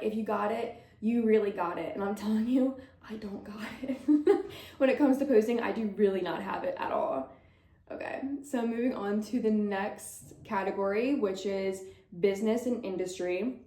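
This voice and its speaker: A woman's voice: mid-range voice, creaky, warm tone. A young woman in her twenties, a model answering viewer questions in a bubbly, chatty way, laughing often and a little out of breath. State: slightly out of breath. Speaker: model and vlogger. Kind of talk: casual Q&A chat to camera. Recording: roomy echo.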